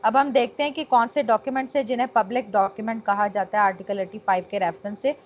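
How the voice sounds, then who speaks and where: A woman with a Pakistani accent gives an online law lecture, speaking fast in a slightly high voice with fairly even intonation. She mixes English terms into her explanations, checks that students are following, and leans on frequent tag phrases. The online call audio sounds dull and noisy.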